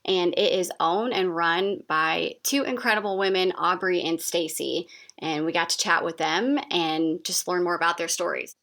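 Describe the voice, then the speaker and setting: A woman's voice: fairly low pitch, moderate pace, fairly bright tone. A woman co-hosting a podcast, talking about a local business in an upbeat, enthusiastic way. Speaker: podcast co-host. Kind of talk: conversational interview.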